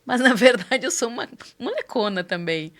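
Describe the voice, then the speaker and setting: A woman's voice: on the high side, animated, normal speed, fairly bright tone. A woman, interviewing a guest in a casual, conversational way as podcast host.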